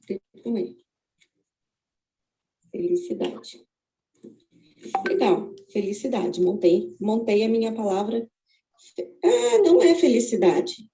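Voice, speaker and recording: A Brazilian woman teaching, walking slowly and methodically through a braille word activity and thinking aloud as she searches. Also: a little high, creaky, mellow, poor audio. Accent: Brazilian Portuguese. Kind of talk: step-by-step spoken demonstration.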